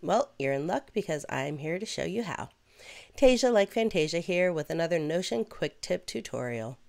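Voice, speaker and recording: Low, smooth-voiced woman tutorial host. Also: sing-song, moderate pace, a little mellow. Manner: chatty and playful, with asides. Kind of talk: screen-recorded software tutorial.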